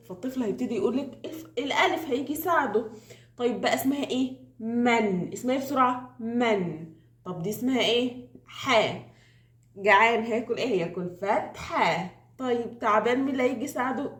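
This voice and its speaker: A woman with an Egyptian accent who teaches reading, giving tips to parents and drilling with quick repeated questions. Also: fairly high pitch, echoey room. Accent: Egyptian Arabic.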